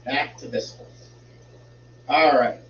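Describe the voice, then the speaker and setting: A man with a mid-range, steady voice rambles slowly through a casual home live stream, fiddling with settings as he talks and sounding congested and somewhat stuffy. He's in a room at home with a fish tank. The audio is roomy, distant, and dull, with a hum underneath.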